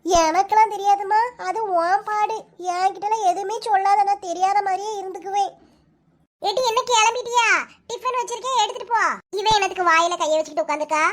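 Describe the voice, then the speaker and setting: A woman with a Kanyakumari Tamil accent voices a whole cartoon family. Her voice sits extremely high. She delivers quick, scolding, teasing dialogue. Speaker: cartoon narrator and voice actor. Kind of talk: cartoon voice acting, all characters.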